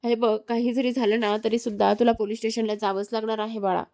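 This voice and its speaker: A woman narrator voicing a calm, motherly older teacher who soothes and reassures a distressed girl. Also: a little high, fast talker, lightly acted. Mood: soothing.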